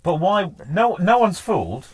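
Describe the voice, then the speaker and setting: A man's voice: high-pitched, big pitch swings, measured pace, slightly rough. A man co-hosting a podcast, bantering with wry jokes in casual chat. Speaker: podcast co-host.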